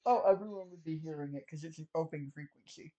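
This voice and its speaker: A man's voice: on the high side, fast, mellow, rough recording. A man narrating a tabletop game as game master in a loose, conversational way with frequent fillers.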